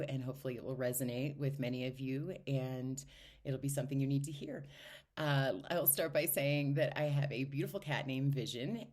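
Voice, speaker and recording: A woman with a low, grounded voice tells a personal story as a spiritual life coach. She speaks in a chatty, casual way and laughs often as she goes. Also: a little mellow.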